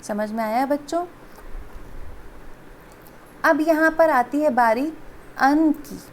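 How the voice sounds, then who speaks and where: A woman's voice: sits high, slow. A woman teacher giving a patient lesson to children, repeating examples and checking that they understand. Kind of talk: classroom Hindi lesson.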